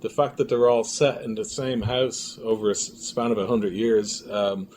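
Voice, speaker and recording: This low-quality recording captures a filmmaker and sound designer reflecting casually in an interview while groping hesitantly for words. He has a lowish, darkish voice with fairly even intonation at a moderate pace, over clear background noise.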